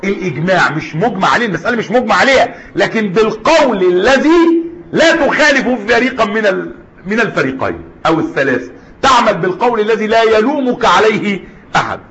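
Fast-talking Egyptian man lecturing. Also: high-pitched, sing-song, fairly bright tone. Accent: Egyptian Arabic. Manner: switches between classical Arabic and colloquial, asks the class questions. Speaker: teacher of Islamic jurisprudence. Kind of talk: classroom lecture. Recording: dull lo-fi lecture recording.

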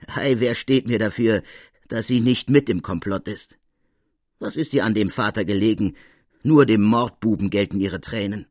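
A man's voice: fairly low pitch, moderate pace, darkish tone, no room sound, clean studio sound, natural voice. Man playing a venomous court president. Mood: insinuating. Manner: cold, insinuating, with a venomous smile. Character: stern, venomous male court president, suspicious.

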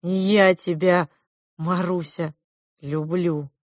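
A woman's voice: fairly high pitch, expressive, measured pace, no room sound, studio quality, pitched above the performer's own voice. A woman reading a storybook aloud and voicing a proud, argumentative boy prince from an undersea kingdom, with a haughty, lecturing tone. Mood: earnest.

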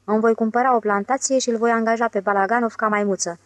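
A woman's voice: a little high, fairly even intonation, no room sound, lightly acted. A woman reading a glib young con man. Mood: cheerful. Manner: glib, wheedling, sarcastic. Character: scheming smooth-talking young male con man. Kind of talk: audiobook character voice.

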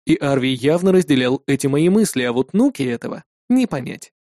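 A man narrating a first-person story in a lively, wry manner. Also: mid-range voice, a little fast, dry recording, clean studio sound. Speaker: audiobook narrator.

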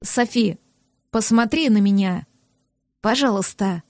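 A gruff, reclusive man speaks in a low, hushed, soothing voice, as a woman reading the audiobook puts him on. The recording is dry and close. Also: takes it slowly, dry recording, natural voice. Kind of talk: audiobook character voice.

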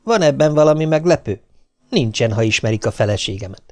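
A man's voice: mid-range voice, expressive, no echo. A man narrating an audiobook with dry, wry storytelling.

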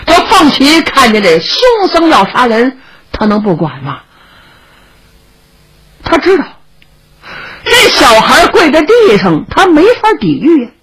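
A woman narrating a traditional story, dramatic and vivid, with a raspy voice. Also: high-pitched, a bit bright, rough recording.

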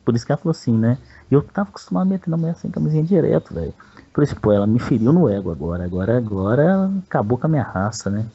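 A Brazilian man tells his story quickly in a dark, husky voice. He rambles, talks crudely and fills his speech with slang. The recording sounds dull and lo-fi. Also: mid-range voice, very animated. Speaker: interviewee telling a personal story. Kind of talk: casual storytelling.

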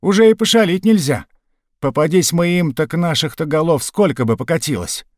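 A man voicing a brash, swaggering young Cossack with a coarse, loud manner. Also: on the high side, huge pitch swings, moderate pace, dry recording, studio quality. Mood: aggrieved. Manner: coarse, aggrieved, shouting.

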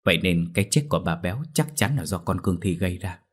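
A man voicing a stern, gruff old male village elder in a storybook horror tale. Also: low-pitched, expressive, fast talker. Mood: grave. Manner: gruff, commanding.

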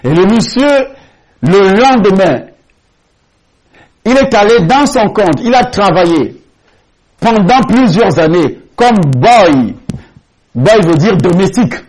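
Husky, high-voiced male pastor preaching. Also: animated, takes it slowly, long pauses, darkish tone, poor audio. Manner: storytelling, emphatic, repeats key phrases. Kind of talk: sermon with testimony. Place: large rented church hall.

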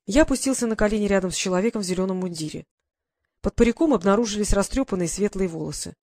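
A woman narrating a first-person adventure novel in an even, measured storytelling manner. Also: medium pitch, no echo, studio quality. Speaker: audiobook reader.

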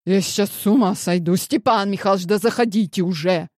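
A woman voicing a hot-tempered young male boss who speaks in slow, emphatic demands. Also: mid-range voice, expressive, no room sound, studio quality, natural voice. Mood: agitated.

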